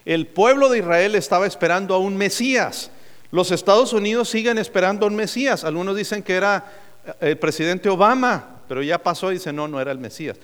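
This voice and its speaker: A man's voice: sits high, fairly quick, fairly bright tone, clear, resonant tone. A man preaching a sermon as a pastor, calling on the congregation for answers and adding joking asides. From United States. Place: church sanctuary. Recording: long hall reverb.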